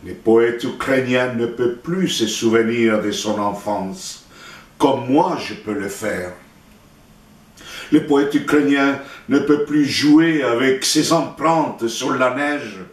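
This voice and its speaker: This is a man from Santiago, Chile, a native Spanish speaker with a Chilean accent, performing his own poems. At medium pitch he delivers short phrases with deliberate pauses in a solemn, declamatory style, and the distant mic gives a roomy echo.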